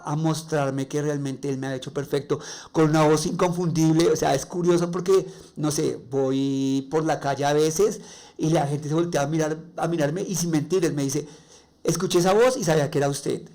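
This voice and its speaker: Nasal, raspy Colombian man. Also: on the high side, steady tone, fairly quick, mellow. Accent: Colombian Spanish. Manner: earnest, personal storytelling. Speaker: podcast host. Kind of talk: faith-based podcast monologue.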